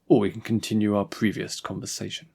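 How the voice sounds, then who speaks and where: A man's voice: fairly low pitch, level tone, fast, vocal fry, darkish tone, breathy edge. A man reading the part of a stern, dutiful guard captain in an audiobook story, speaking firmly and tersely.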